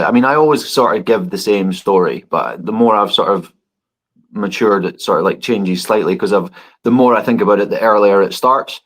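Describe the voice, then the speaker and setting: Thoughtful, lower-voiced man in his thirties. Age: 30s. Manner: thoughtful, hesitant with restarts. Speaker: dog trainer and guest. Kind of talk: conversational podcast interview.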